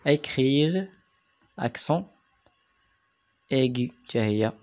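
A man with a Moroccan Arabic accent giving a remote French lesson to primary pupils, spelling words out slowly and repeating them. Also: medium pitch, lively intonation, a little mellow, faint music behind. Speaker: French teacher.

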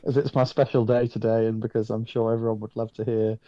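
A man's voice: fairly low pitch, level tone, fast, dark tone, no room sound, lo-fi sound. A man with a British accent talking casually as a panelist on a podcast. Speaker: writer, broadcaster, podcast panelist.

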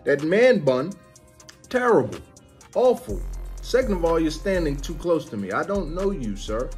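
A man's voice: on the high side, very animated, moderate pace, darkish tone, soft background music. A man hosting a reaction video, giving joking, slangy commentary on clips.

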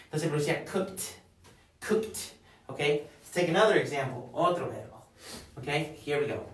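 A man teaching a pronunciation lesson in a classroom, repeating words slowly for his students to drill. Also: fairly high pitch, animated, a bit bright. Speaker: English teacher. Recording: echoey room, mic at a distance.

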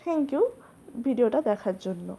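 A woman's voice: a little high, big pitch swings, mellow. A woman teaching English vocabulary, spelling each word letter by letter and repeating the meanings. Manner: spells words letter by letter, slow and clear.

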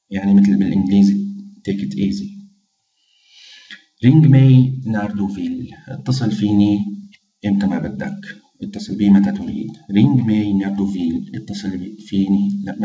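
A man's voice: on the low side, mellow, recorded from a distance. Patient male teacher, echoey. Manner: slow, patient, repeats each phrase twice. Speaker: language teacher. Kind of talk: casual spoken lesson. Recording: dull, echoey room, off-mic.

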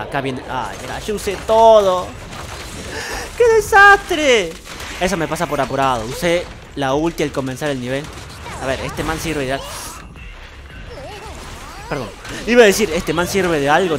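A fairly high-voiced man with an Argentine accent talks through a video game, bragging and exclaiming as he plays. Loud game music runs behind his voice the whole time. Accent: Argentine Spanish. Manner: excitable and boastful, casual swearing. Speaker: gaming streamer. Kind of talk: gameplay commentary.

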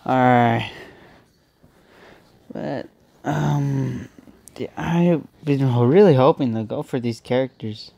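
A young man with a stuffy nose, a gaming channel host, rambles casually while playing a mobile game, thinking aloud and restarting often. His medium-pitched, mellow voice is slow with vocal fry and long pauses, and the recording has no room sound.

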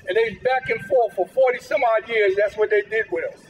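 Older man, high-pitched, emphatic folksy storyteller; distant outdoor mic, light street hum. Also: a little fast. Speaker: guest speaker. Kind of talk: impassioned storytelling to a crowd. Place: outdoors at a public gathering.

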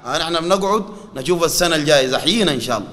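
A man with a Sudanese Arabic accent giving a colloquial sermon, animated and mocking, often quoting scripture. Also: a little high, very fast, big-room sound. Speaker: preacher.

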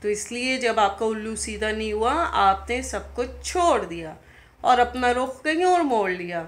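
In a confrontational video diary filmed indoors in her living room, a Pakistani YouTuber in her thirties responds to another vlogger, indignantly scolding with pointed rhetorical questions. Her voice is fairly high and expressive, at a measured pace, captured by a phone camera at arm's length.

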